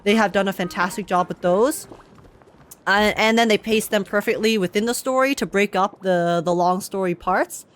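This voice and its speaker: Soft music plays behind a woman who streams a video game with casual, thrilled commentary, slangy, rambling and emphatic. Her pitch is medium and her pace moderate.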